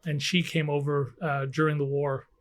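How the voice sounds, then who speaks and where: A man's voice: on the high side, little pitch movement, normal speed. A middle-aged man from Canada, a guest scientist talking casually in an interview, hesitant with many fillers and restarts, recorded in an office. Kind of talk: conversational interview. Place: office with air conditioning hum.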